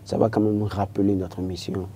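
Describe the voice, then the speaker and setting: Very dark-voiced reflective man. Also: low voice, little pitch movement, slight background noise. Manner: measured, reflective, trails off into asides. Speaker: radio panelist. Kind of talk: studio tribute talk. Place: broadcast studio.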